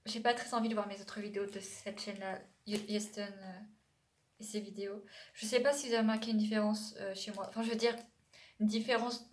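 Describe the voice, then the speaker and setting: A young adult woman from France talking casually to her vlog audience, rambling and digressing with many hesitations and self-corrections. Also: medium pitch. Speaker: YouTuber. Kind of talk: casual vlog chat to camera.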